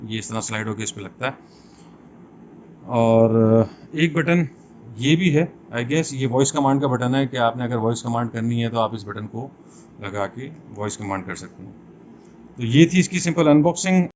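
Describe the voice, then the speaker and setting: With a medium, slightly mellow voice, a man talks through an unboxing and product review in a relaxed, explanatory manner, sprinkling in English terms. The sound is dull and lo-fi, with some faint noise behind him.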